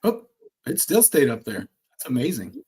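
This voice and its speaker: A man demonstrating insurance quoting software on a screen share, talking in an energetic, salesy way with quick asides. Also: mid-range voice, slightly rough. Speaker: insurance agent trainer.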